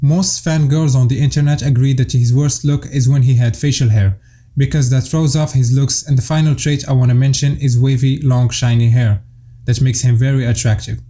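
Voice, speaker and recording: A man's voice: mid-range voice, fairly even intonation, moderate pace, warm tone. A young man from Morocco giving an earnest, explanatory voice-over commentary, laying out his points in order. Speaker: YouTube commentator.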